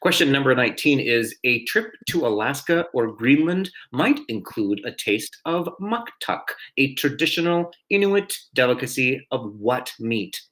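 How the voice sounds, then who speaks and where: A man's voice: mid-range voice, expressive, moderate pace, hardly any pauses, a bit bright, poor audio. A man hosting a live-streamed trivia night, chatty and self-deprecating, often chuckling at his own mistakes. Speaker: trivia host.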